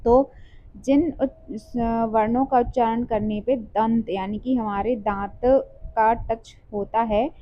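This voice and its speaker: A woman with a fairly high voice teaches an exam-prep lesson, sounding out letters one by one and explaining patiently. The recording is a little dull and lo-fi. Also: fairly even intonation, slow pace, no room sound. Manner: explains step by step, sounding out letters, often says 'theek hai'.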